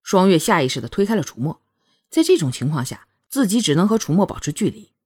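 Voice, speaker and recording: Breathy woman narrating a novel. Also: fairly low pitch, sing-song, fast, darkish tone. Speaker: audiobook narrator. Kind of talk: scripted narration.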